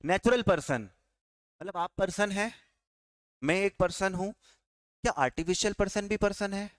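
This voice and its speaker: A man's voice: sits high, unhurried, smooth, no echo, clean studio sound. A man teaching a tax law class with an Indian accent, quizzing students and answering his own questions. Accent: Indian English. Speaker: tax lecturer. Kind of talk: classroom lecture.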